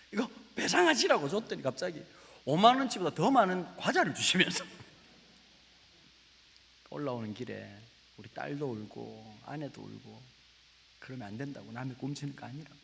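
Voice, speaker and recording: A man in his forties preaches in a big church hall, his voice bright and gravelly with a wide, lively pitch swing. He tells a story with acted-out dialogue, then drops to soft whispers. Long reverb and faint hiss hang behind him. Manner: animated, acts out family dialogue, drops to whispers. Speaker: pastor. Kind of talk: sermon with storytelling. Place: church sanctuary.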